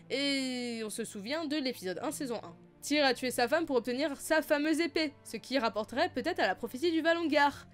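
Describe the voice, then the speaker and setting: A young woman vlogger talking casually about fan theories, playful and self-mocking, her voice slightly hoarse. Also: high voice. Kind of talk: casual chatty video commentary.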